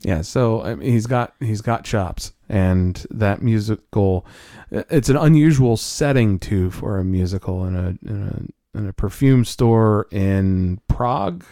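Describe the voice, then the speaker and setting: Low, mellow-voiced man chatting. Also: no room sound, studio quality. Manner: thoughtful, halting with restarts. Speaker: podcast co-host. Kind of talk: casual chat.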